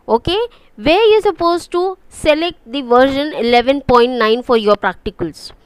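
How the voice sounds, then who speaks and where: A woman's voice: sits high, smooth, no room sound, low-quality recording. A woman with an Indian English accent teaching an online computer class, explaining step by step and often checking "okay?" with her students. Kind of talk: online lecture.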